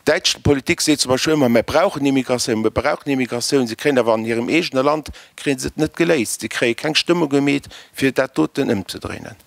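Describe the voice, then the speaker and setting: Brief: man, mid pitch, dry sound, critical audience speaker who searches for words. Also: fast talker, creaky, few pauses, no echo. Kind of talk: conference discussion.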